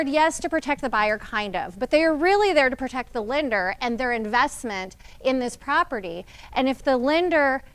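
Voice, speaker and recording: Leading a real estate team meeting, a woman with a high-pitched, fairly bright voice explains deals to her agents. Her training talk is direct and explanatory, aimed at the whole group.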